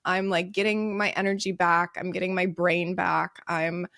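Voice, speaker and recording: A woman in her late thirties co-hosting a podcast, chatting casually with lots of fillers and quick laughs. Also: lowish voice, little pitch movement, creaky, a bit bright, dry recording, studio quality. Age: 30s. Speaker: podcast co-host. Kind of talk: casual chat.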